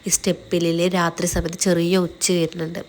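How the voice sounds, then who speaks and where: A woman's voice: lowish voice, completely flat delivery, fairly quick, a little mellow, slight background noise. A woman, a mother, narrating her home vlog in a chatty, teasing voice-over, a little nasal from a night-time cold. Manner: chatty, teasing, tags lines with "kētto". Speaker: vlogger, mother.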